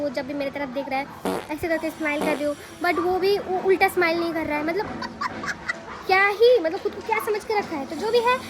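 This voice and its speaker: A young woman from from tells a personal story in a chatty, animated way. She keeps turning to the listener with quick rhetorical asides. The recording carries a clear hiss of background noise. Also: high voice. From Assam, India. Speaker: vlogger. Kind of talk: casual storytelling to camera.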